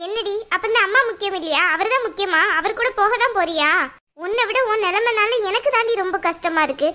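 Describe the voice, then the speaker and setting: A harsh, scolding cartoon mother-in-law who barks commands, as a woman puts her on. The voice sits very high and sounds bright and forceful. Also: brisk. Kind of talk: cartoon voice acting.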